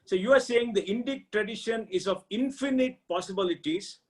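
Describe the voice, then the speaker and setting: A man's voice: sits high, fairly quick. A man moderating a panel, summing up a speaker's point and checking it back with him. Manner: summarizing, questioning.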